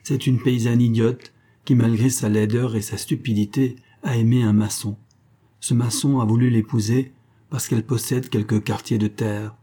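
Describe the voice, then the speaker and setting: A man voicing a grieving old male country doctor who tells a sad story in a measured way. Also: lowish voice, dark tone, close to an everyday voice.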